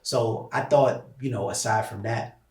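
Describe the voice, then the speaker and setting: Crowd noise sits behind a steady, medium-pitched male voice moving at a measured pace. The American battle rapper, appearing as an interview guest, tells a casual story in slangy, repetitive, emphatic language, recorded on a far-off mic in an echoey room.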